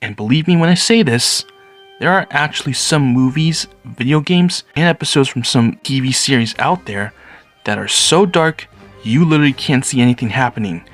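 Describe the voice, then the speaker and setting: A man's voice: medium pitch, animated, normal speed, a bit bright, soft background music. A man delivering scripted review commentary as a video critic.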